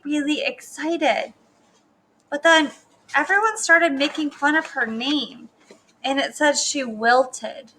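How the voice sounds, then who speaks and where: A young woman reading a story aloud to children, stopping to ask them gentle questions. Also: sits high, slight background noise. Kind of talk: read-aloud lesson for children.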